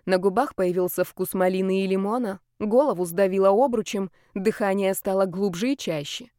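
A woman's voice: medium pitch, normal speed, dark tone, dry recording, clean studio sound. Woman reading an audiobook. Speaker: audiobook narrator. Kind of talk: scripted narration.

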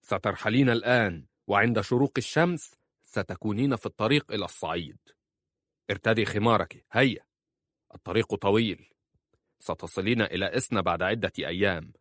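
A man's voice: on the low side, animated, brisk, fairly bright tone, no echo, clean studio sound. A man doing a curt commanding husband.

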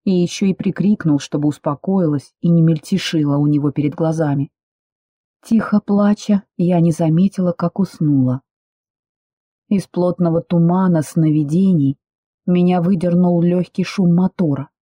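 A woman narrating a first-person novel as an audiobook, with steady, expressive storytelling. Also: lowish voice, normal speed, husky, dry recording, studio quality.

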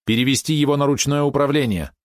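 A man's voice: mid-range voice, fast, no room sound, studio quality, voice pushed up, lightly acted. A man voicing a tense young woman captain who barks curt orders in a storybook reading. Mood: commanding.

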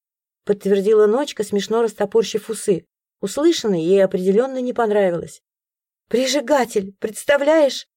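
A woman narrating a first-person audiobook in an expressive storytelling manner. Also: medium pitch, brisk, no echo, studio quality.

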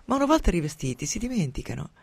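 A man voicing a shrewd, worldly brothel madam who speaks in a calm, knowing, sardonic way. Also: sits high, very fast, creaky, breathy edge, no room sound, full character voice. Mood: wry.

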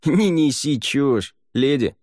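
A man's voice: medium pitch, sing-song, normal speed, a little mellow, no room sound, studio quality, pitched above the performer's own voice. A man voicing a grumpy, sarcastic sailor who snorts and grumbles. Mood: grumbling. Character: grumpy sardonic male sailor.

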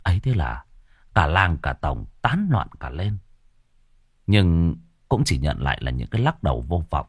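A man narrates a ghost story in a low voice that swings widely in pitch. He tells it dramatically. The recording is dry and close. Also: big pitch swings, measured pace, husky, dry recording.

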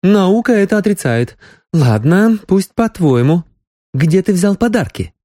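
An anxious young woman doctor presses hard for the truth, voiced by a male audiobook reader. She sits well above his usual pitch, with a lively, swinging melody. The recording is dry and close. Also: a little slow, no room sound, heavily acted. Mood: insistent. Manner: pleading, pressing. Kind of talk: audiobook character voicing.

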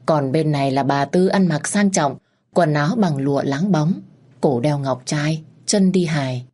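A woman narrating a story in a calm, measured way. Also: low voice.

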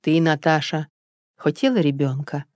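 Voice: medium pitch, normal speed, darkish tone, dry recording, natural voice. Reader doing a bossy older village mom in an audiobook, stern and pushy, dead dry sound with no room at all. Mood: insistent. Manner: commanding, insistent. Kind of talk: audiobook character voice.

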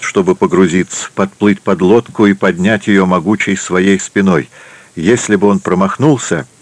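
A man narrating an adventure audiobook in a steady, measured reading. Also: fairly low pitch, no room sound. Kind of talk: scripted narration.

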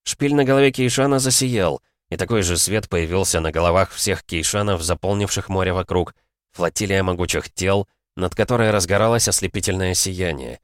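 A man reads a fantasy novel aloud with dramatic storytelling flair. His voice is very low and recorded dry and close. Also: fairly even intonation, fairly quick, no room sound. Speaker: audiobook narrator. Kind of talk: scripted fantasy narration.

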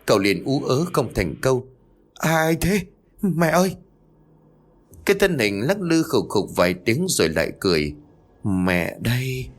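A man narrating a ghost story in a suspenseful, expressive way, with faint music behind. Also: medium pitch.

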